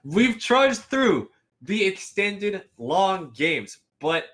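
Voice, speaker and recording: Young guy casting esports, kinda high and bright, rambly and hyped. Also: extremely slow. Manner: rambling, playful and excitable. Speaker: esports caster. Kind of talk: casual live game commentary.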